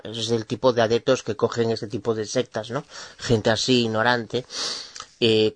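A man's voice: mid-range voice, no room sound. A man who comments on religious video clips in a mocking, insulting way and sometimes stumbles over his words. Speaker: host of a religious debate channel.

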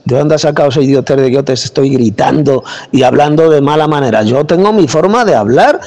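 A man from preaching in a forceful, scolding way, speaking with authority into a phone. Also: medium pitch, a little fast, long reverb tail. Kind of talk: combative preaching monologue. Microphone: phone mic.

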